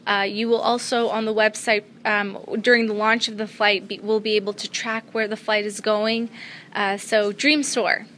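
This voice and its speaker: A woman's voice: medium pitch, level tone, normal speed, fairly bright tone, slight background noise. A young woman from Afghanistan, a student pilot, answering interview questions earnestly with frequent ums and uhs. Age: young adult. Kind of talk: interview answers at a trade show. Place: convention floor.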